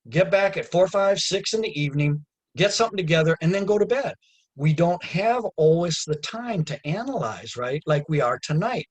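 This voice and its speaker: Over a video call, an American man with a slightly husky, fairly high voice wraps up a webinar like a community organizer. He's earnest and plain-spoken, often climbing into raised, emphatic stretches, and the audio quality is poor.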